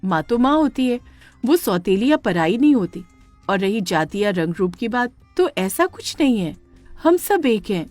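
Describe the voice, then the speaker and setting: A woman voicing a gentle, loving stepmother cow who soothes the children in a cartoon story. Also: mid-range voice, sing-song, moderate pace, no room sound, faint music behind, lightly acted. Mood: soothing. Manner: soothing and reassuring.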